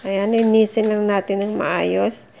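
A chatty middle-aged woman with a gravelly edge to her voice, cheering her viewers on as she fixes a sink. She talks into a phone camera in a home kitchen, with faint noise in the background. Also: mid-range voice, steady tone, unhurried, dark tone. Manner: chatty, encouraging, addresses viewers as guys. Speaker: vlogger. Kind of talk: casual how-to vlog.

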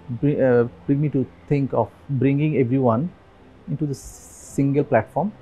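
A Bangladeshi man in his thirties, interviewed in a dim room on a lapel mic, telling his story earnestly with halting restarts. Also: mid-range voice, dark tone, breathy edge, rough recording. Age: 30s. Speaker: interviewee, migrant worker. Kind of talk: documentary interview. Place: dim indoor room with fans.

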